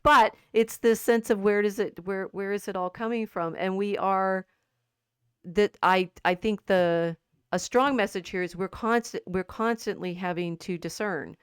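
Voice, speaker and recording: A woman's voice: medium pitch, clean tone, no room sound, clean studio sound. A woman co-hosting a casual discussion podcast, reading quotations aloud and musing with frequent restarts. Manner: thoughtful, halting, many restarts. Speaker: podcast co-host.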